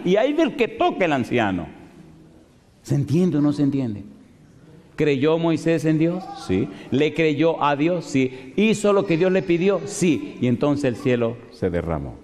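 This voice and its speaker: Pastor guy preaching, fairly high voice, super animated, always asking questions, big echoey hall. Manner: animated, asks the congregation frequent rhetorical questions. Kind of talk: lively sermon. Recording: long hall reverb.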